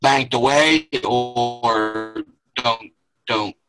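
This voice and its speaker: A man talks over a failing video call connection. His audio keeps breaking up and cutting his words off. He speaks very slowly and haltingly. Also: medium pitch, fairly even intonation, music in the background, low-quality recording. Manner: halting, words cut off mid-phrase. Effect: audio breaking up over a bad video call connection.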